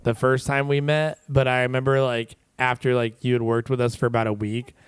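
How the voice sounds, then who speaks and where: Dude joking around, cursing a lot, laid-back chat. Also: male voice, medium pitch, level tone, a little fast, smooth, no room sound. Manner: joking, swears, laughs often. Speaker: coffee shop owner. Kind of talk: casual chat.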